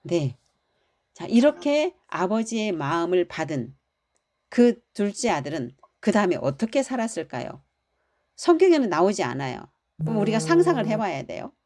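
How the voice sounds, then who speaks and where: A woman pastor preaching a sermon, her voice rising and falling widely. She talks to the congregation with animated emphasis and briefly acts out the lines she quotes. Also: medium pitch, normal speed.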